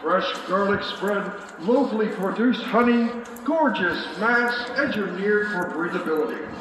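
A man making a public address announcement over a shopping mall loudspeaker. He reads a list of items in an upbeat, promotional tone. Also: high-pitched, animated, measured pace. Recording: echoey PA loudspeaker heard from far off, noisy.

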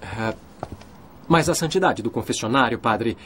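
Earnest young groom, rapid and eager, slight hiss behind the voice. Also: male voice, medium pitch. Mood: polite. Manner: rapid excited guessing. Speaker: groom guessing a mime. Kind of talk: dubbed film acting.

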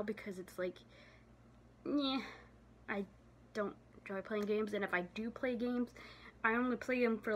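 A young woman chats in a loose, rambling vlog recorded on her phone, trailing off and circling back with plenty of fillers. She sounds worn out and a little out of breath, her voice sitting at an ordinary middle pitch. A faint hiss hangs under the recording. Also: fairly bright tone. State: tired, out of breath. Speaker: vlogger. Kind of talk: casual vlog chat. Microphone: phone camera.

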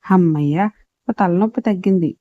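A man's voice: high-pitched, normal speed, no room sound, lightly acted. A woman narrator voicing a distraught blind young husband, bitter and pleading, on a dull lo-fi recording.

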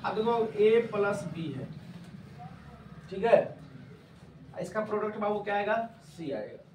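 A man teaching English grammar to a class, calling students "babu" and quizzing them loudly. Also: high-pitched, unhurried, a little hiss or hum. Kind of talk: classroom lecture. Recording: echoey classroom from far off.

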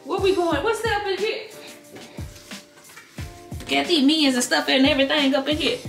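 A woman voicing a nosy, chatty old grandmother in a high, questioning voice. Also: moderate pace, gravelly, a bit bright, roomy sound, soft background music. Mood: teasing. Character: nosy old grandmother visiting, loud and gossipy. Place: indoors in a house.

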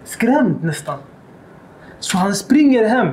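A man giving a religious lecture, animated and acting out quoted dialogue, with Arabic quotations mixed in. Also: high-pitched, reverberant, a little hiss or hum. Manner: mixes Arabic quotations into Swedish. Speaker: Islamic lecturer. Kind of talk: lecture on the life of the Prophet.

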